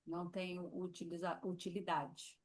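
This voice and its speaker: A woman with a Brazilian Portuguese accent teaches sign language in a live lesson, slowly and patiently demonstrating as she repeats each word. Her voice sits on the low side with a level tone.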